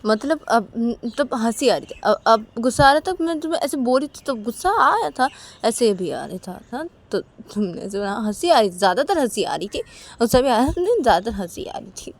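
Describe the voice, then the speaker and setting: A woman's voice: very animated, brisk. A woman doing a whiny, tearful young woman. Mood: sulky. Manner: pleading, high and tearful. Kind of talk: amateur storytelling, all voices.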